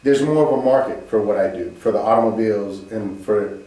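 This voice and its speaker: A man who works as an airbrush artist for custom cars, calmly explaining his trade as an interview guest. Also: on the low side, a little fast. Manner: calm, explains plainly, small restarts. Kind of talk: casual interview chat. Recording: echoey room, far from the mic.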